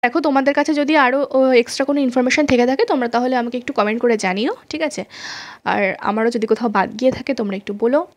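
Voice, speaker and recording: High-voiced woman teacher. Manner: reads English notes slowly, then explains in Bengali, checking understanding often. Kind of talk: classroom lecture.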